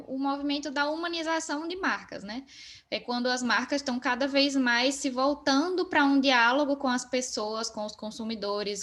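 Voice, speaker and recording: A young woman, chatting casually as an interview guest and filling her talk with relaxed asides. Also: fairly high pitch. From Northeast Brazil. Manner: relaxed, talkative, frequent fillers.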